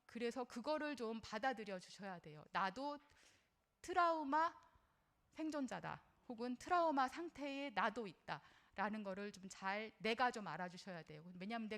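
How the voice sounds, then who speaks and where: A woman's voice: medium pitch, fairly bright tone. A middle-aged woman giving a parenting lecture in an earnest, conversational way, often putting questions to her listeners and drawing on her own life as a mother. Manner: personal, shares her own experience as a mother.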